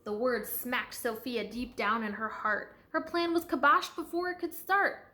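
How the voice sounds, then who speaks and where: A woman reading a children's picture book aloud with expressive emphasis and chatty asides to listeners. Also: fairly high pitch, unhurried. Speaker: storybook reader. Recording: echoey room.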